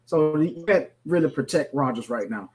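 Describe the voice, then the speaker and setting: A man's voice: a little high, lively intonation, moderate pace, a little mellow. A man co-hosting a casual sports radio show, rambling with many fillers. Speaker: co-host.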